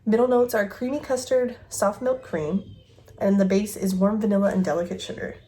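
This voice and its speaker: A woman in her thirties talks fast in a mid-range, dark-toned voice while reviewing fragrances in her bedroom at home, near a dresser. She thinks out loud and giggles, speaking casually into a phone mic.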